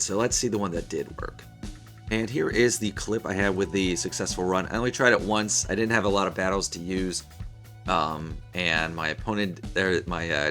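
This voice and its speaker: A man in his thirties with a hoarse, failing voice, giving casual game commentary as host of a gaming video. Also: sits low, fairly bright tone. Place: small room indoors at a desk.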